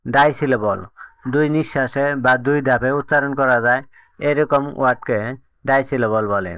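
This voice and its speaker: Guy teaching a lesson, steady explaining tone, smooth clear voice, dry close sound. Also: medium pitch, normal speed, no echo. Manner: steady, explanatory reading of definitions and examples. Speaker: English teacher. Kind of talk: scripted teaching narration.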